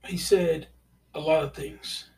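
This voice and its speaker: A man hosting a solo podcast commentary, speaking deliberately and halting over his words with many fillers. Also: a little high, fairly even intonation, darkish tone, distant mic. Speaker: podcast host.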